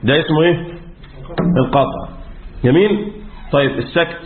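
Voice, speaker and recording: An Egyptian man teaches the rules of Quran recitation, tossing questions to his students and answering them himself. His voice sits a little high. The sound is thin and narrow, like a phone line. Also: normal speed, roomy sound, noisy background. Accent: Egyptian Arabic. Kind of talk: religious lesson on recitation rules. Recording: tinny phone-like audio.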